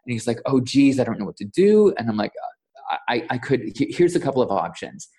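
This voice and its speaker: In a brisk, mellow, sing-song voice of medium pitch, a male voiceover coach chats as a podcast guest. He recounts a mishap with plenty of stammering and quoted lines in a relaxed interview style.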